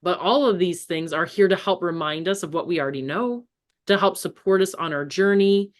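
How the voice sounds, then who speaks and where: A woman's voice: fairly low pitch, moderate pace. A woman hosting a spiritual podcast, enthusiastic and encouraging in casual chat. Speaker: podcast host.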